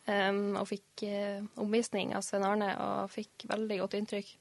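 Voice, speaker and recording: A woman's voice: medium pitch, completely flat delivery, creaky. A woman in her twenties with a North Norwegian accent, chatting casually as an interview guest. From Mo i Rana, northern Norway. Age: 20s. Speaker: interview guest, local journalist.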